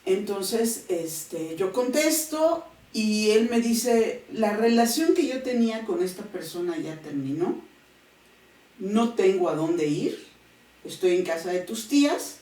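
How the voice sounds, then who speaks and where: Emotional woman telling her story, roomy echo. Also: mid-range voice. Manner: expressive storyteller, voices quoted family. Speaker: interview guest. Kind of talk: emotional personal testimony. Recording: echoey room, mic at a distance.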